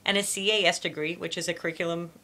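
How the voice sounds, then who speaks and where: Answering interview questions earnestly about her work as a foreign language teacher, this native French speaker from Montreal, Canada, sprinkles in "you know." She talks fast in a voice on the low side, with a sharp tone and fairly even intonation.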